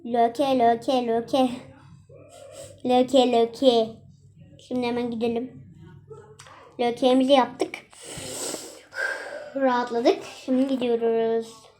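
A woman's voice: on the high side, level tone, takes it slowly, long pauses, warm tone, a little hiss or hum. A young woman chatting casually and exclaiming as she plays a mobile game for her channel. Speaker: gaming channel host.

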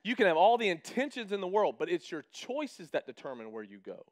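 A man preaching a lively sermon in a church, calling out to the congregation and slowing down to stress key phrases. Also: sits high. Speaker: pastor. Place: church hall.

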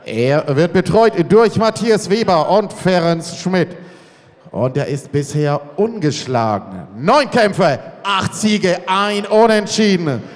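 A man working as a ring announcer, presenting fighters in a showy manner with drawn-out, shouted names. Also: high voice, lively intonation. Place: large indoor sports arena. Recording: echoing arena PA, noisy.

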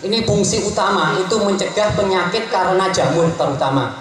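A man's voice: animated, a little fast. A middle-aged man explaining a crop product to farmers at an outdoor event, speaking to them directly. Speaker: product presenter. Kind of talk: product explanation at a farm launch. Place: outdoor tent event in a village. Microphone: handheld mic through loudspeakers. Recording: booming PA echo, distant, music behind.

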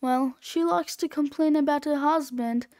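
A woman reading aloud, voicing a gruff middle-aged male gym coach who barks deadpan orders. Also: high voice, moderate pace.

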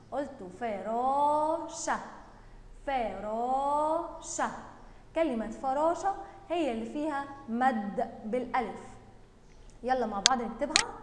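A woman with an Egyptian accent teaching young children Arabic reading, stretching out words slowly and praising them often. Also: a little high, a little mellow, reverberant, big-room sound, a little hiss or hum. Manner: drawn-out syllable-by-syllable reading, praising and questioning pupils. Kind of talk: recorded online lesson for young children.

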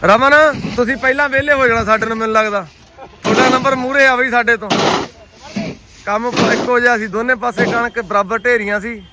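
A man's voice: very high voice, fairly even intonation, a little fast. A man with a Punjabi accent, a farmer narrating a casual vlog outdoors and chatting with those around him. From Punjab, India. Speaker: farmer and vlogger. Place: outdoors at a grain market. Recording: outdoor recording with loud engine noise. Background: loud vehicle engines and outdoor ambience.

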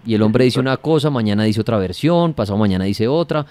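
A man's voice: medium pitch, animated, quick pace, darkish tone, no echo. Dry-sounding Colombian man hosting radio. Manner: probing, sarcastic. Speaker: radio host. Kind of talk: radio call-in questioning.

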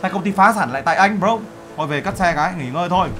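A man's voice: high-pitched, racing, fairly bright tone, slight background noise. A man role-playing a boastful overseas-company boss in a game, brash and teasing. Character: boastful male overseas-Vietnamese CEO. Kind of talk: game role-play banter.

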